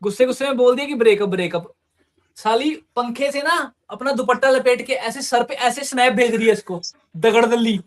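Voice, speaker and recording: A man's voice: very high voice, fairly even intonation, brisk. A man telling a crude, teasing story in a casual video chat on a phone.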